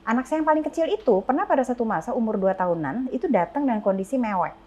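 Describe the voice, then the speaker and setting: A woman's voice: a little high, quick pace. A middle-aged woman counselor, explaining things in casual podcast talk and slipping English words in. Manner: animated explainer, mixes English words into speech. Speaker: counselor guest.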